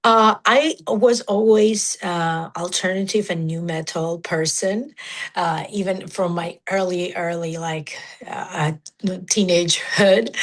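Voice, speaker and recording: A young woman from Georgia, raised in Russia, with a Russian accent and a low alto voice with natural rasp, speaking haltingly in an interview with many fillers. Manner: halting, many fillers, non-native grammar. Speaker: musician guest. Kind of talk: casual interview talk.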